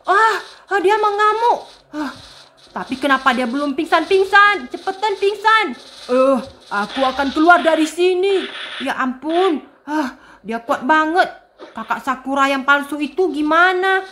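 Excitable woman narrating a game. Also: high-pitched, a little slow, a little hiss or hum. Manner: excited, addresses viewers as friends. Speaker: game role-play creator. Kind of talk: narrating and voicing a game role-play.

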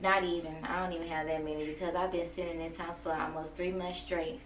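A woman's voice: fairly low pitch, little pitch movement, fast. A woman, chatting casually and playfully to her viewers. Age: 20s. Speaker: vlogger. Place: home room. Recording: roomy, from a distance, faint noise.

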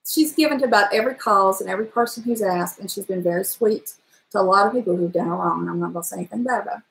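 Speaking rapid-fire at medium pitch, with some creak in her powerful trained voice, a middle-aged woman chats animatedly on a casual live stream. She's in her home kitchen, gesturing and bursting into song. The desk-distance webcam yields a low-quality recording in an echoey room.

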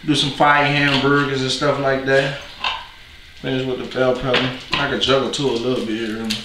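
A man's voice: mid-range voice, level tone, a little fast. A man from New Orleans with a New Orleans accent, casually chatting and joking with viewers while cooking in his home kitchen. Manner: slangy, rambling, joking to viewers. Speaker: cooking video host. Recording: echoey room with clear noise.

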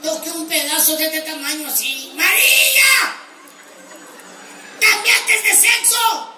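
A man playing a naive, boastful rural ranch hand with a Mexican accent, telling bawdy stories and bursting into shouts. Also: a little slow. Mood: cheeky. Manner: high squeaky voice, bawdy punchlines, shouted outbursts. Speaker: stand-up comedian in character. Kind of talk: live comic monologue. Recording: roomy live venue from far off, crowd and noise.

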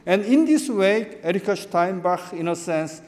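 A middle-aged man from South Korea giving a keynote academic lecture at a lectern, animated and gesturing, often restarting phrases. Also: high voice, unhurried. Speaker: keynote speaker. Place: large conference hall. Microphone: lectern microphone. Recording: long reverb of a lecture hall.

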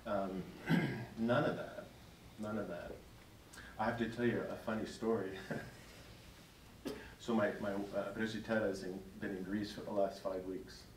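A man's voice: fairly low pitch, level tone, unhurried, long pauses, a little hiss or hum. Man talking in an echoey church hall. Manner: conversational, chuckling as he tells stories. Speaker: priest. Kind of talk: parish talk with storytelling. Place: church hall in front of an audience. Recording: echoey hall, distant mic.

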